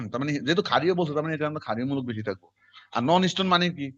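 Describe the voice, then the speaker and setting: A man, teaching a class in quick, conversational lecture style and quizzing his students as he goes. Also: a little high, animated, fairly bright tone, dry recording. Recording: dull lo-fi classroom recording.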